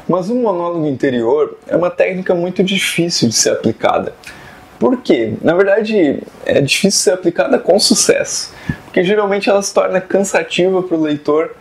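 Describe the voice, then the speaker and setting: A man's voice: sits high, lively intonation, moderate pace, vocal fry. A man, a writing teacher and video host, talking casually to camera about fiction writing with many digressions and asides. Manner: chatty and digressive, with many asides and tag questions.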